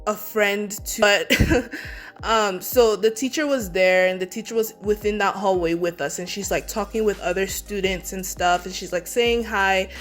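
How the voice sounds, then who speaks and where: A woman's voice: medium pitch, normal speed, faint music behind. Rambling young woman telling a story. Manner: rambling, heavy use of 'like', many restarts. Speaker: beauty vlogger. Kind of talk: casual storytime while doing makeup.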